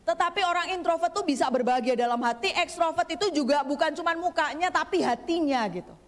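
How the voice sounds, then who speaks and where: A woman's voice: very high-pitched, fast. A woman guest pastor giving a chatty, humorous sermon in a church, often turning to speak straight to the congregation. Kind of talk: conversational sermon. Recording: long church hall reverb.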